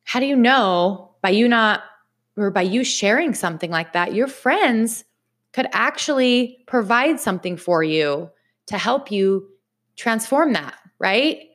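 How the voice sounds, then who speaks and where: A woman giving a casual motivational talk to her viewers, chatty and animated, repeating phrases for emphasis. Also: a little high, unhurried. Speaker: vlogger.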